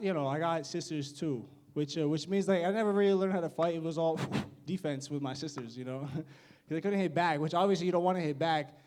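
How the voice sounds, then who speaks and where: A young American stand-up comedian performs an awkward, self-mocking set and laughs at his own jokes. His voice sits a little high, with a darkish tone.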